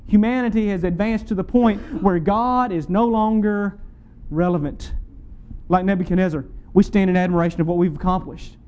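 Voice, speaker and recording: A man's voice: sits high, a little mellow, clean tone, lo-fi sound. A pastor preaching a sermon, earnest and emphatic, speaking straight to his congregation. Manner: earnest preaching, emphatic rises and slow stressed phrases; addresses the congregation directly.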